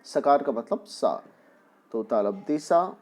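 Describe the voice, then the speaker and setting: A man's voice: medium pitch, animated, takes it slowly, a little mellow. A man teaching a Hindi spelling lesson to young pupils, patient and explaining step by step with repeated examples. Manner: often asks the class "है ना".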